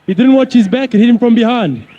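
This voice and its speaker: A male athlete explains a contest in an interview. His voice is very high yet dark in tone. It comes off a muffled VHS tape copy with slight noise. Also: animated, fast talker. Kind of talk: explanatory post-event interview. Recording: dull, noisy VHS tape dub.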